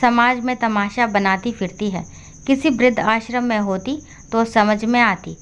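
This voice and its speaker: A woman voicing a harsh, resentful daughter-in-law who talks in a sharp, scolding way in a storybook. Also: on the high side, a little slow, clear, resonant tone.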